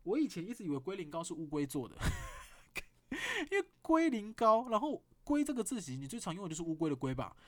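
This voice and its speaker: Fast, animated Taiwanese-accented man. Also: high-pitched. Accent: Taiwanese Mandarin. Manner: animated storytelling with blunt swearing. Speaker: podcast host. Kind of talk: casual podcast monologue.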